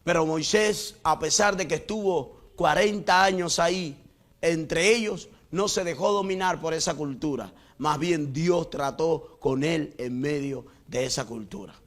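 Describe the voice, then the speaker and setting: A middle-aged male pastor preaching a sermon, telling a personal testimony and swinging between loud exclamations and hushed lows. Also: a little slow. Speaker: pastor and missionary.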